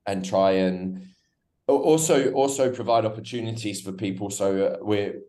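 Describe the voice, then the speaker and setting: Being interviewed remotely, a company co-founder talks at a normal pace in a lowish, dark-toned voice. His accent sounds foreign, his company is South African, and his speech is full of hesitations and restarts.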